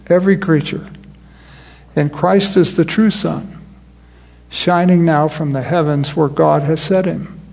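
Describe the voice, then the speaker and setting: A man delivers a sermon in an easygoing, conversational way, breaking off and restarting his phrases. His voice is slightly higher than most men's, with a gravelly edge and a husky texture. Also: darkish tone. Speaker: preacher.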